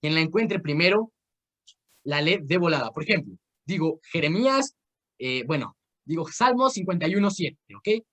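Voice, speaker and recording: High-voiced young Mexican man teaching. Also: lively intonation, moderate pace, a bit bright. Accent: Mexican Spanish. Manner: rambling, with many "este" fillers and restarts. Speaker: Bible course instructor. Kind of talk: informal online class with personal stories.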